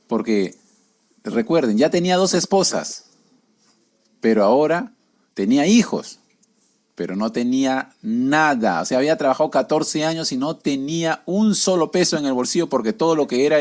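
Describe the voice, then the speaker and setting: A man's voice: medium pitch, a little mellow. A man preaching a conversational sermon, often tagging his lines with questions to the listeners.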